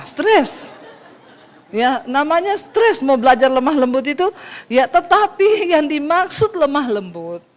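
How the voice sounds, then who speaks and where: High-voiced woman pastor preaching. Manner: lively storytelling, often addressing listeners as "saudara". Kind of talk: sermon.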